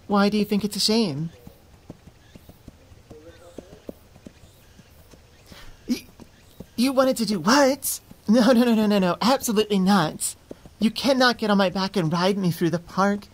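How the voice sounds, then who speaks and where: A lightly acted, mid-range woman's voice portrays a young centaur girlfriend who is affectionate, teasing, and easily flustered. The intimate ASMR roleplay is sweet and conversational, recorded close on a studio mic.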